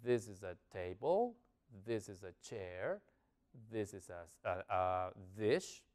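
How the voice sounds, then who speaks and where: A man with a Latin American Spanish accent teaching children English words, encouraging them and drawing out each word slowly for repetition. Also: lowish voice. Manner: slow, drawn-out model pronunciation; lively, encouraging, repeats words.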